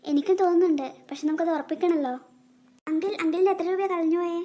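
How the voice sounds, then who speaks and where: A woman's voice: extremely high pitch, steady tone, fast talker, warm tone. A woman voicing a caring older girl, a big sister, in a cartoon, kindly and questioning. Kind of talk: cartoon voice acting.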